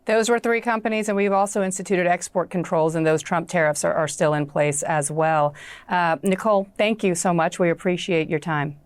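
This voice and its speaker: A woman anchoring a television news program, reading measured introductions and asking guests formal questions. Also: lowish voice, fairly even intonation, clear, resonant tone, no echo. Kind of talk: broadcast news interview.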